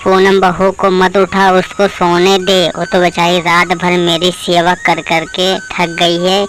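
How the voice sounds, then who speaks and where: A woman's voice: fairly low pitch, monotone, slow pace, fairly bright tone. A woman playing a bossy, scolding mother-in-law in a homemade comedy skit.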